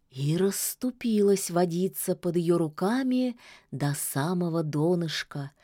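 A woman narrating a fairy tale in a calm, folksy storytelling manner. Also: medium pitch, no echo, clean studio sound.

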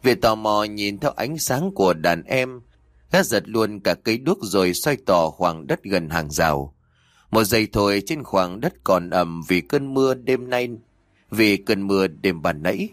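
Low-voiced man narrating a horror story. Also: a bit bright, no room sound, studio quality.

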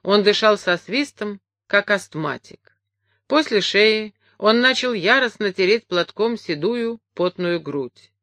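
A woman reading a memoir aloud as an audiobook narrator, measured and expressive. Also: mid-range voice, no echo. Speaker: audiobook reader.

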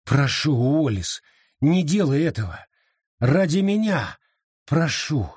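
A man's voice: high-pitched, big pitch swings, measured pace, a little mellow, husky, no echo, clean studio sound, voice pushed up, exaggerated voice. A man voicing a frantic, pleading husband. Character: timid, anxious husband pleading with his brother. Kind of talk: audiobook reading.

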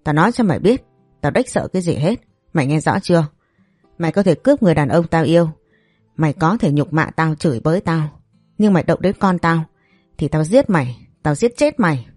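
A woman's voice: low-pitched, lively intonation, brisk, a little mellow, breathy edge, dry recording, studio quality, soft background music. A woman voicing a furious, fierce young mother. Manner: fierce and cursing, then cold.

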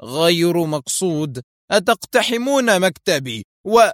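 A man voicing an outraged shouting lawyer. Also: a little high, animated, normal speed, no room sound, clean studio sound, natural voice. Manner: angry, shouting protests. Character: indignant, short-tempered male lawyer.

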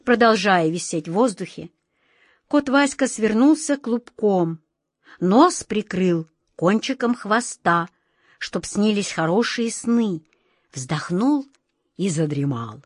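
A woman reads a fairy tale aloud in a gentle, expressive storytelling voice. The recording is close and dry, with no room sound. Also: mid-range voice, slow, dry recording. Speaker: narrator. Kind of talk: audiobook fairy tale reading.

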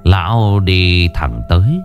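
A man's voice: low voice, expressive, takes it slowly, faint music behind. A man narrating a ghost story with a dramatic, suspenseful delivery.

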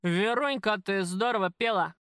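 A woman voicing a crude, jealous male mob boss who talks loudly and bossily in an audiobook. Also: mid-range voice, moderate pace, smooth, no echo, studio quality, lightly acted. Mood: brash. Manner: loud, coarse, bossy.

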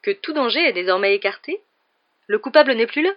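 A reader voicing a vain, beaming male teacher who talks down slowly and smugly, in a dull lo-fi recording. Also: mid-range voice, big pitch swings, slightly rough, heavily acted. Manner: slow, condescending, self-satisfied.

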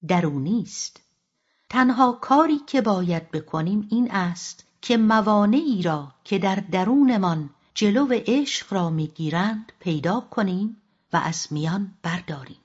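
A woman reading a calm, resolute wife. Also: mid-range voice, husky. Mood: musing. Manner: calm, quiet, soft-spoken. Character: calm, resolute middle-aged wife in love. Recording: dull lo-fi audiobook recording.

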